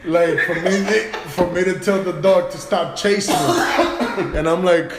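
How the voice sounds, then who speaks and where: A man's voice: high voice, a little slow. A man telling a story in casual chat among friends, laid-back and slangy, switching into Spanish now and then. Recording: echoey room with clear noise.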